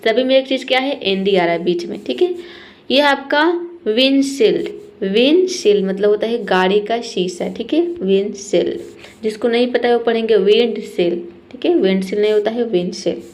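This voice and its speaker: A woman's voice: fairly high pitch, brisk, darkish tone. A woman with an Indian accent teaching English pronunciation, explaining word meanings in Hindi, patient and repeating each word while checking in with her students.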